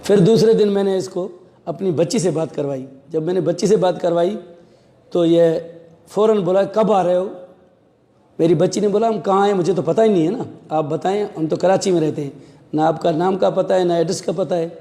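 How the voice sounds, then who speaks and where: A man with a raised pitch and a deeply mellow timbre recounts events as a police officer in an interview. He tells the story in an animated way, shifting his voice for each person he quotes. The recording has a long, roomy reverb. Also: fairly quick. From Pakistan.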